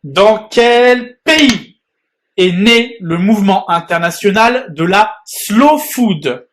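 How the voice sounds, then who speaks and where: A man's voice: sits high, expressive, a bit bright. A man hosting a quiz, reading out questions and multiple-choice answers and joking with the contestant. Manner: reads quiz questions slowly, laughs and teases. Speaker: quiz host. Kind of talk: playful quiz show banter.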